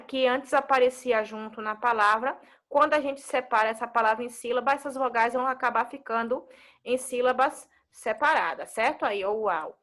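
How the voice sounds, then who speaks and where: Brazilian female teacher, high bright voice, patient explanations, keeps checking in with students. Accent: Brazilian Portuguese. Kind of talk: online class lesson.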